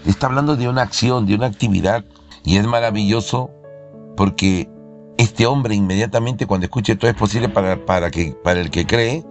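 A man preaching a sermon with fervor and emphasis, his voice jumping up into shouts at times. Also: fairly low pitch, fairly quick, soft background music. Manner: fervent, emphatic preaching with sudden raised shouts.

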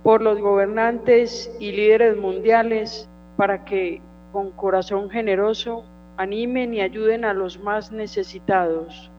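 A woman reads prayer petitions at Mass in a formal, measured way. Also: medium pitch, fairly even intonation. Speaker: reader of intercessions at Mass. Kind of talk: liturgical reading of prayer petitions. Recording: dull lo-fi sound with mains hum.

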